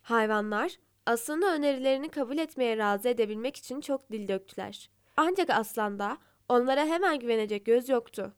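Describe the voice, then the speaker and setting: A woman calmly narrating fables in a scripted storytelling style. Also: a little high, fairly quick, smooth, no echo, studio quality.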